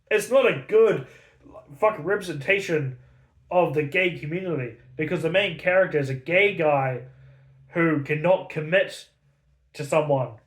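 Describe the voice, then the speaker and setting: A man's voice: a little high, reverberant. A man giving a casual, angry, sarcastic book review full of swearing.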